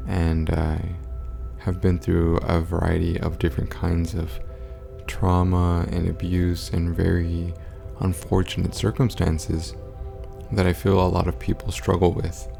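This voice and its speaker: A man talking low and quietly, as in a sleeping house at night, in a monotone, stoic way for a casual vlog update. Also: a little slow, vocal fry, soft background music. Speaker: content creator.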